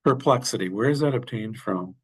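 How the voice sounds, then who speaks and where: A man giving a workshop over a video call, answering questions with halting speech and frequent fillers. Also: lowish voice, slightly rough. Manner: halting, many fillers and restarts. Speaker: workshop presenter. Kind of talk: webinar Q&A.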